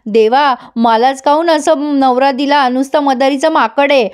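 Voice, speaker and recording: A woman voicing a sharp-tongued, jealous young wife who taunts her husband. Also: sits high, fairly even intonation, unhurried. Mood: angry taunting. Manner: scolding, taunting.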